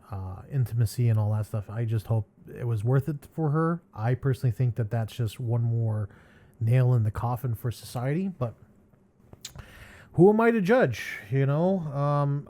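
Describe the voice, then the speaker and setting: A man of middle pitch talks through viewer comments as a host. His speech is loose and rambling, full of ums, sighs and small chuckles. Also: warm tone. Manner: rambling and hesitant, with many fillers and sighs.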